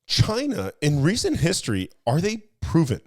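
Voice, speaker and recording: A man with a high-leaning voice and wildly swooping pitch co-hosts a casual talk podcast at an unhurried pace. He explains things through analogies, asks his partner leading questions, and restarts often.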